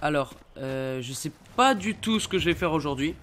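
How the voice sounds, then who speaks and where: A young man narrates his gameplay in a high, excitable voice. He chats casually, then yells and swears when enemies attack. A faint hiss sits under the recording. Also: moderate pace. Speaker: let's play gamer.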